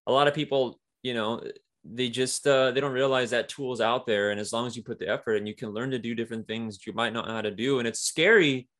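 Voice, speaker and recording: A man's voice: medium pitch, brisk, fairly bright tone. A man guesting on an interview, talking about his work as a comic writer in a casual, rambling way with many fillers. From Mexico–US border region.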